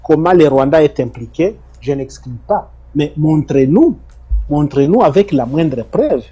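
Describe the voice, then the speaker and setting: Middle-aged man, dark husky tone, emphatic interview guest. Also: on the high side, animated, unhurried, dull audio, soft background music. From Congo (DRC). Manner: emphatic, repeats words and phrases. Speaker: interview guest, former detainee. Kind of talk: testimonial interview.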